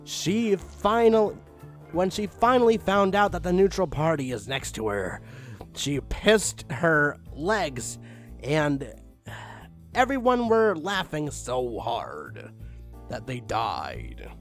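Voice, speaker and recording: With soft music in the background, a man reads a terrible fan story aloud, sighing and bursting out in exaggerated, exasperated drama. His fairly bright voice sits on the high side, very animated, and he takes his time.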